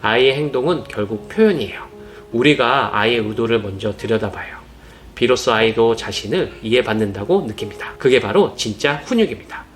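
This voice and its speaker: Guy narrating parenting tips, earnest and gentle, soft music behind, mid pitch. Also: brisk. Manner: earnest, gentle advice-giving. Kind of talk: scripted narration. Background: soft background music.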